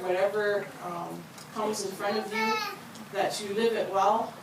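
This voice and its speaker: A woman graduate speaks at her graduation ceremony, earnest and heartfelt, with a few light jokes about herself. Her voice sits at a middling pitch. It is heard from a distance in a big, very echoey hall, with steady background noise. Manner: earnest and heartfelt, with light self-joking asides. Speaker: graduate giving a speech.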